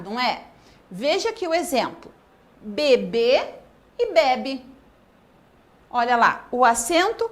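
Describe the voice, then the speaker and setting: A woman teacher from Brazil giving an online grammar lesson, dictating words slowly and asking the class questions. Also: high-pitched, a bit bright. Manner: slow, drawn-out word-by-word dictation.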